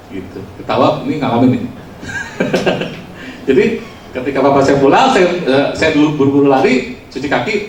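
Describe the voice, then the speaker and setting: A man giving a casual, storytelling sermon to a youth congregation, chatty and self-mocking with lots of filler words, recorded in a church hall. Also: medium pitch. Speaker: youth preacher. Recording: roomy, distant mic, faint noise.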